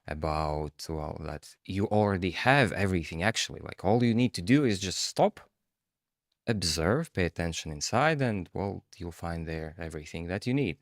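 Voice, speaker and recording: A low-voiced man talks through a podcast in a reflective, searching way. He often stops on fillers and restarts his thoughts. The recording is close and dry. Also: expressive, moderate pace, dry recording. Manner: reflective, hesitant, with many fillers. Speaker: podcast co-host. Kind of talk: casual podcast chat.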